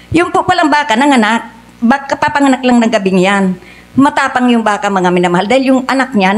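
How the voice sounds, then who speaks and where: A middle-aged woman giving an earnest church testimony in a church, calling her listeners beloved again and again. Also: on the high side. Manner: earnest, addresses the congregation as "mga minamahal" again and again.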